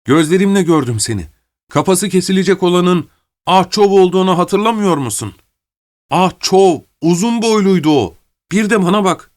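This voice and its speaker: A man's voice: high voice, expressive, moderate pace, voice pushed up. A man voicing a frightened, insistent male prisoner who keeps pleading, in a raised voice.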